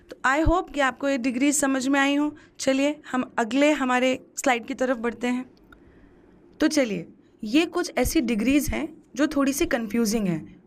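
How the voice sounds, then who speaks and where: A woman with a high voice teaches a grammar lesson over slides. She pronounces English words with a Hindi accent. She keeps asking the class questions and then answering them herself. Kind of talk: exam-prep grammar lesson.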